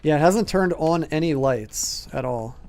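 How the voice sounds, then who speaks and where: A young man live-streams a horror game and talks loosely to his viewers as he plays. His voice sits a little high for a man, and his talk is casual and chatty, broken up by laughs and quick replies to chat. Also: lively intonation, a little mellow. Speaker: gaming streamer. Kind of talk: live-streamed gameplay commentary.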